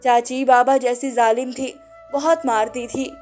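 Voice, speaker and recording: A woman with a high voice tells an emotional story in a soft, heartfelt way. Her narration is scripted and steady, and faint music plays underneath. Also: unhurried.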